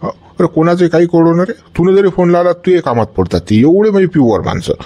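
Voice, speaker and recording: A man's voice: on the high side, expressive, brisk, warm tone, lo-fi sound. A man playing a worried, talkative village uncle in a comedy sketch, speaking. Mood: chatty. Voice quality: rustic, coaxing, talkative. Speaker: village elder visiting hospital.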